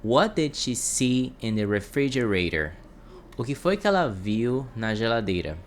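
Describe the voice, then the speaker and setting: A man with a Brazilian Portuguese accent teaches English in a patient, explanatory way. He slows down sharply for each English example before translating it. His voice sits at a middle pitch, with a faint hiss underneath. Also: very animated. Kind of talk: explanatory online lesson.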